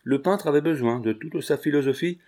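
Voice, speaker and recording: A man narrating an audiobook with a measured, expressive reading. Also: on the high side.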